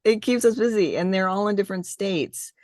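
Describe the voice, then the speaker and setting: A woman's voice: medium pitch, brisk, darkish tone, no room sound, clean studio sound. An older woman hosting a casual, conversational interview. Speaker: interview host.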